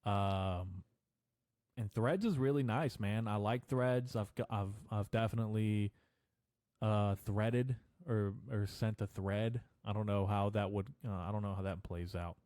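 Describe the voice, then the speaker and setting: A man's voice: lowish voice, unhurried, a little mellow, dry recording, studio quality. A young man hosting a casual solo podcast, rambling loosely with slang and swearing, with a slight stutter and lisp. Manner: loose and profane, slangy, meandering. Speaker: podcast host.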